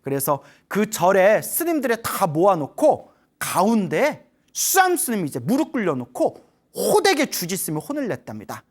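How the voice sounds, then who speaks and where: Animated woman telling a Buddhist sermon tale. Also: medium pitch, moderate pace, few pauses. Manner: animated, expressive storytelling. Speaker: Buddhist monastic preacher. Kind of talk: storytelling Dharma talk.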